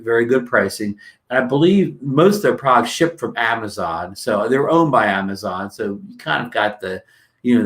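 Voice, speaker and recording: A man's voice: fairly low pitch, fairly bright tone. A man from New Jersey hosting a casual livestream, rambling with many fillers and restarts and greeting viewers, his throat dry. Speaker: livestream host.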